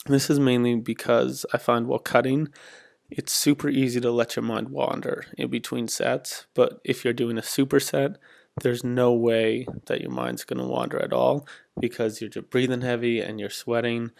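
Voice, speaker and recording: A man's voice: mid-range voice, flat delivery, moderate pace, gravelly. A young man in his twenties giving a laid-back, rambling voice-over as a fitness vlogger, full of ums and likes. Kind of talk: casual voice-over commentary.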